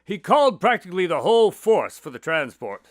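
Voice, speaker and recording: An actor playing an affable doctor, the detective's companion, recounting cases conversationally in a radio drama. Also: male voice, high voice, very animated, a little fast, dry recording.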